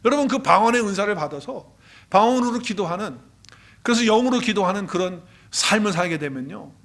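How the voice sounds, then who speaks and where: A male pastor with a high voice delivers a Sunday sermon in a church sanctuary. He talks emphatically, repeating key phrases and asking the congregation questions. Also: animated, brisk, a bit bright.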